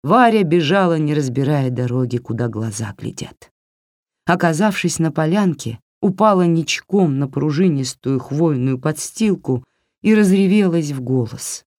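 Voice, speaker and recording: Low, lively woman storyteller. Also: dry recording, studio quality. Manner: measured, expressive storytelling. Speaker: narrator. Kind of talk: audiobook fairy-tale narration.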